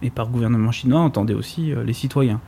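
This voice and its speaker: Male columnist, talk radio, dry ironic reading, prepared segment, speaks at an even, moderate pitch. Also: quick pace, vocal fry, slightly rough.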